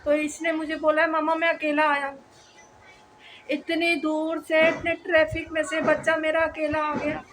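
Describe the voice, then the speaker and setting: A woman with a high voice tells her family vlog audience, in an emotional voice, how her child went missing from school. She quotes what people said word for word and repeats her own phrases, over faint background noise. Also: monotone, a little slow, fairly bright tone. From Pakistan. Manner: retells events with quoted dialogue, repeats phrases. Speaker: vlogger mother.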